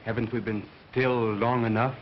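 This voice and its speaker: An actor playing a gruff, resentful household servant in early 1930s film style, on a muffled old soundtrack. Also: male voice, mid-range voice, little pitch movement, moderate pace, slight background noise, close to an everyday voice. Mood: resentful, insistent.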